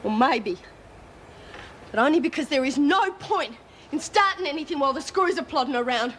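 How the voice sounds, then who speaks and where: A woman's voice: sits high, lively intonation, normal speed, a bit bright, slight background noise. An actress playing a tough, blunt, impatient female inmate spoiling for a fight in a television drama. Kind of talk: television prison drama acting.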